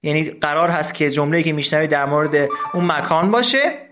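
A man teaching English from a textbook in a recorded lesson, explaining step by step and saying English words slowly. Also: on the high side, lively intonation, over music.

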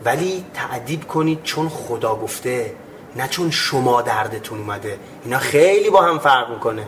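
A man preaching on everyday morals at a middle pitch. He explains his point in earnest tones and acts out short back-and-forth dialogues to show it. A faint hiss sits under his voice. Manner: acts out imagined dialogues with listeners. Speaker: religious speaker. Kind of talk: religious ethics talk.

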